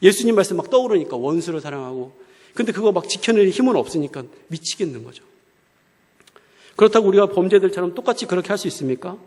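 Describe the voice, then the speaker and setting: A male preacher speaks fast in a high-sitting, expressive, slightly mellow voice. His sermon is conversational and colloquial, often throwing rhetorical questions at the congregation, and the church hall gives it a long echo.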